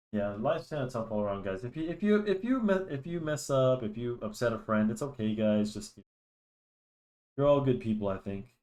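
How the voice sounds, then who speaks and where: A young man hosting a drawing channel chats casually as he sketches into a desk microphone, rambling with plenty of restarts and fillers. His mid-range voice is a little mellow, with lively intonation and a moderate pace, though a cold makes him sound slightly nasal.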